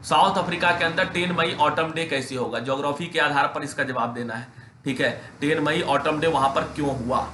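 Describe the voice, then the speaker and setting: Lively teacher. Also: male voice, on the high side, reverberant, a little hiss or hum. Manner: reads English lines slowly, then explains with rising emphasis; quizzes students with rhetorical questions. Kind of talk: class lesson explaining an English text in Hindi.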